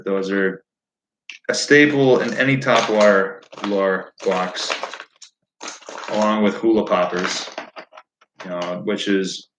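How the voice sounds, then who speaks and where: Man, low voice, rambling easygoing live stream chat, echoey room. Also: noisy background. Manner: rambling, easygoing, many fillers. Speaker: fishing channel host. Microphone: no lapel mic.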